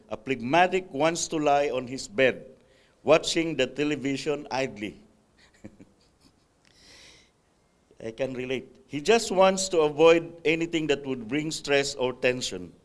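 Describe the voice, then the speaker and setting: Man reading aloud, adding asides. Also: a little high. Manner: reads a text aloud, adding spontaneous comments and checks like "right?"; occasional hesitations and restarts. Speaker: Sabbath school speaker. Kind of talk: church class talk, reading with asides.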